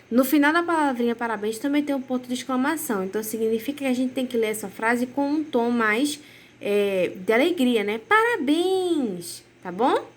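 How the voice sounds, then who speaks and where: A young Brazilian woman teaching children in a recorded remote lesson, her voice sitting a little high. She speaks slowly and tenderly, leaning hard into sing-song intonation whenever she reads an example sentence aloud. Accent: Brazilian Portuguese. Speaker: primary school teacher.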